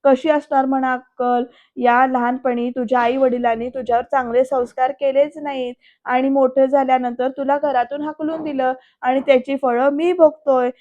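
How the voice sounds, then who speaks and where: A woman voicing a middle-aged husband who shouts angry, bullying threats, in a dull, lo-fi recording. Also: high voice, flat delivery, normal speed, natural voice. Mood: angry shouting. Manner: loud, scolding.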